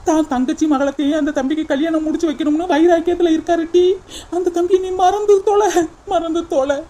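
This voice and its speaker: A woman doing a mellow, lamenting village auntie. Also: extremely high pitch, steady tone, fairly quick. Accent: Kanyakumari Tamil. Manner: hesitant then lamenting, calls her "di". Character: caring middle-aged village woman, scolding softly. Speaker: cartoon character. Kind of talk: cartoon voice acting.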